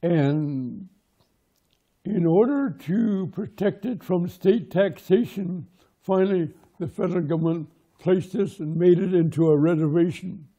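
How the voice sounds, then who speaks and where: Being interviewed as a local historian, this Pine Ridge, South Dakota man, a native Lakota speaker, tells oral history in brief, plain sentences. He has a voice pitched high for a man but deeply dark and mellow, and his pace is slow and unhurried.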